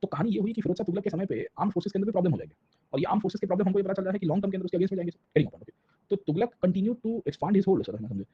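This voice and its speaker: A history teacher with an Indian accent and a high-sitting voice delivers an informal lecture at rapid-fire speed, animated throughout. He mixes Hindi and English and keeps tossing in check-in questions and tag words, over dull lo-fi audio with a little hiss or hum.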